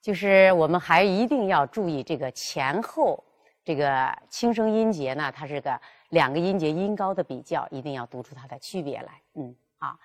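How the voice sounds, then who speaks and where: A woman leads a pronunciation lesson with a lowish, even voice. She explains slowly and clearly, then sounds out example words one at a time. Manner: clear, measured, demonstrating tones. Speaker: Mandarin pronunciation teacher. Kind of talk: classroom lesson.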